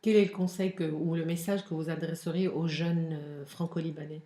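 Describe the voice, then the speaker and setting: A woman interviewer asking brisk, direct questions. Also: deep voice, flat delivery, dark tone, reverberant.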